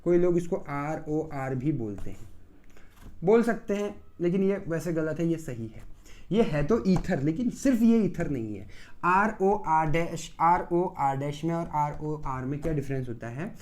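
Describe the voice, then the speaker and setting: A man's voice: fairly high pitch, animated, measured pace. A man teaching pharmacy chemistry in a recorded lecture. He asks the class questions, answers them himself and repeats key terms several times. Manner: swings between loud bursts and soft asides.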